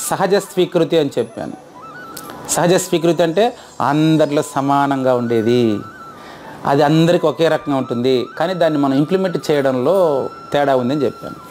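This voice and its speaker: A man's voice: fairly high pitch, darkish tone. A man teaching a group, asking his audience questions over and over and checking their answers. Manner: quizzes audience, repeats questions. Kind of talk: interactive lecture.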